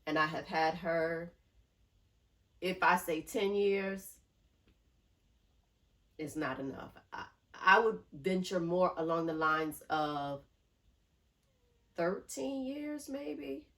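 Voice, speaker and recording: A woman with a nasal voice chats to camera in an unhurried, fond way. Her voice sits low and she drags out her words for emphasis. Pure casual vlog talk. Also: fairly even intonation, a bit bright. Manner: chatty, drawn-out emphasis, affectionate. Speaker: handbag collection vlogger.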